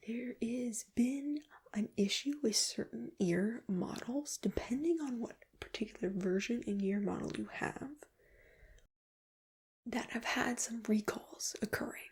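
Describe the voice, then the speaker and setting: A woman, an ASMR performer, role-plays an ear examiner in a breathy, gentle whisper of medium pitch. Her reassuring tone offers close personal attention.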